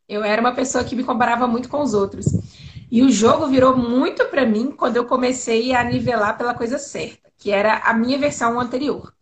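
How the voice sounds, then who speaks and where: A Brazilian woman hosting a casual conversation in an enthusiastic, expressive and informal way. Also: a little high. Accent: Brazilian Portuguese. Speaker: host. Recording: faint background noise.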